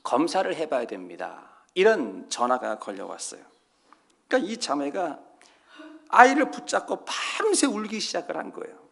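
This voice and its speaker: A man's voice: sits high, huge pitch swings, moderate pace, vocal fry, a bit bright. A man preaching a sermon as pastor in a church, telling a story with quoted voices and putting questions to the congregation. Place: church sanctuary.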